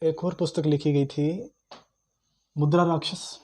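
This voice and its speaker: A young male teacher giving a casual history lecture, repeating key terms and pausing with "uh" as he recalls names. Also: fairly high pitch, steady tone, darkish tone. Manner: conversational, repeats key terms, frequent "uh" pauses while recalling.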